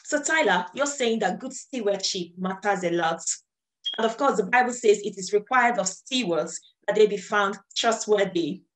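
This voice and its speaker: A woman's voice: medium pitch, moderate pace, rough recording. A woman hosting and asking friendly questions on a video call from her kitchen at home. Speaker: host. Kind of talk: interview questions.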